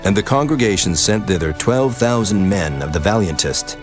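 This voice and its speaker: A man narrating a dramatized scripture reading in a solemn, measured way, with music behind. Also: fairly low pitch, expressive. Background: background music.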